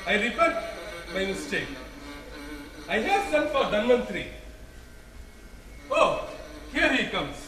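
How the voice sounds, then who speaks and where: A man playing a mighty, hot-tempered male god on stage, declaiming in a commanding, booming way. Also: huge pitch swings, slow, pauses often, fairly bright tone, faint music behind, full character voice. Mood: remorseful. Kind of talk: amateur stage drama. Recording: echoey hall, mic from a distance.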